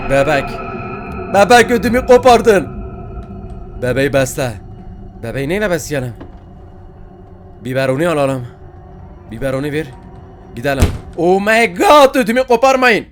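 A man's voice: mid-range voice, a little hiss or hum. A man giving casual gameplay commentary, joking, talking to the game's baby and yelping when startled. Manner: jokey, talks to the game baby, yelps when startled. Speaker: gaming YouTuber.

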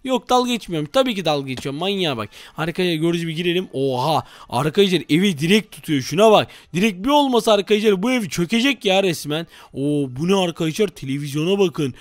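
A young man hosting a game role-play video, excitable and teasing, constantly talking to his viewers. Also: sits high, quick pace, hardly any pauses, no echo. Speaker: gaming channel host. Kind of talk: role-play gameplay commentary.

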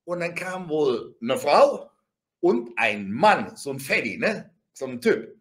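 A man telling a rough anecdote in a casual, blunt way, full of crude slang, tag questions and sound effects. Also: fairly high pitch, very animated, takes it slowly, fairly bright tone. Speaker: storyteller.

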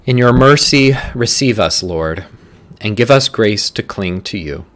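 A man reading scripture and leading prayers for a church's morning prayer, in a measured, deliberate way, phrase by phrase. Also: lowish voice, animated, fairly bright tone.

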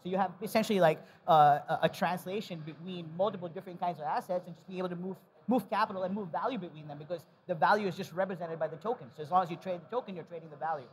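A man's voice: sits high, rapid-fire, hardly any pauses, a little hiss or hum. A man speaking on a conference panel, explaining his points.

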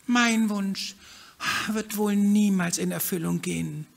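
A lame, cautious duck lectures its way through the story, voiced by a man. The voice sits high and prim, with a husky, gravelly texture. Everything is explained in careful, long-winded detail. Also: slow pace, exaggerated voice. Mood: sighing. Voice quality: raised, fussy and prim. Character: lame, cautious duck on a walking stick, fussy and slow.

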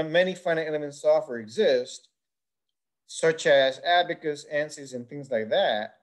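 In this recorded course lecture, a university engineering instructor from Puerto Rico, a native Spanish speaker, explains things in a measured way with many "uh"s. His voice is slightly high and a little mellow.

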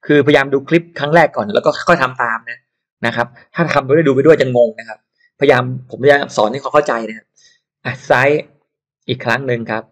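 Man, software tutorial, casual, talkative, digressions, desktop mic. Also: mid-range voice. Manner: chatty, digresses into advice and asides.

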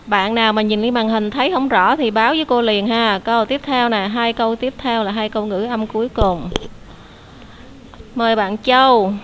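A woman's voice: on the high side, normal speed, slight background noise. A woman teacher, leading an online English class, explaining answers patiently and quizzing her students.

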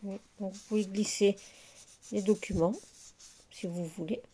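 Slow, mellow-voiced French-speaking woman. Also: medium pitch, fairly even intonation, breathy edge. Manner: chatty, unhurried, lots of fillers. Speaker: crafting video host. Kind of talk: casual crafting show-and-tell.

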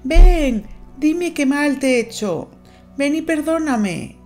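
Woman doing a coquettish young girl from a storybook, high, cheeky and sweet, faint music under it. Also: big pitch swings, moderate pace, mellow. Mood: pleading. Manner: sweet, mocking, sobbing by turns.

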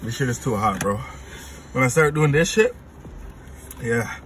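A man's voice: medium pitch, normal speed, a bit bright. A young man chatting casually in heavy slang and swearing freely. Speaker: food challenge participant. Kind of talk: casual chat. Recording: distant mic, noisy vehicle ambience.

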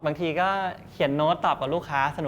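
Brief: young male cafe owner, slightly high voice, casual explainer, faint room ambience. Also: fairly even intonation, brisk, a little hiss or hum. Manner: explains step by step, loose and chatty. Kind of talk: casual interview.

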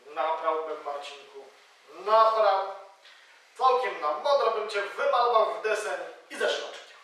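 A man's voice: high voice, lively intonation, unhurried, bright, forceful tone, full character voice. A man voicing a cowed male robber who wheedles and begs, in a stage reading of a play. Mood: boastful. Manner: whining, wheedling, begging. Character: cowed male robber, boastful but pleading. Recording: echoey hall from far off.

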